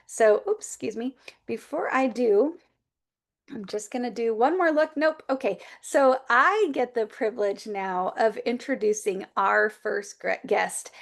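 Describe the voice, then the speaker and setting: A woman hosting an online call, chatting upbeat through announcements and introducing a guest. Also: medium pitch. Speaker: host. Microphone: video call.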